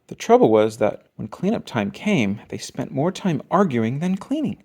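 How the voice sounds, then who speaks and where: In a sing-song, slightly mellow, medium-pitched voice at a moderate pace, an adult narrates a scripted children's storybook with expression, lingering on key words. A little hiss or hum can be heard.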